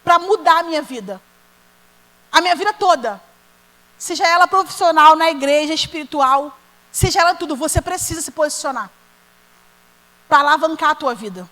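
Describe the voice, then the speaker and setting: High-voiced Brazilian woman preaching. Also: lively intonation, moderate pace, pauses often, sharp tone, poor audio. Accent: Brazilian Portuguese. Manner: earnest storytelling, addressing the congregation directly. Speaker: women's ministry leader. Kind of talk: sermon.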